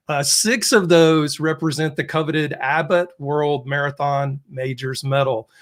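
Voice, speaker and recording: A male podcast host with a voice a little higher than most men's. He reads a guest's introduction, then moves into an easy interview with brief encouraging replies. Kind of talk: interview hosting.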